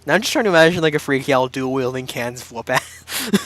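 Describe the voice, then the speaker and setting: A man's voice: medium pitch, big pitch swings, brisk, a bit bright. A man co-hosting a casual game playthrough, joking, laughing often and reading the game's narration aloud. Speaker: co-host playing and reading a visual novel. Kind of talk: casual let's-play chat with read-aloud narration.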